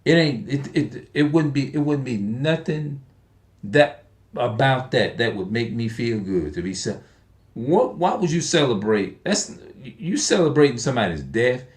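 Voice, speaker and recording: A man's voice: mid-range voice, lively intonation, unhurried. A man in his forties speaking in an unscripted monologue, emphatic and repetitive, often restarting his sentences and asking rhetorical questions. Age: 40s. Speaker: online video speaker.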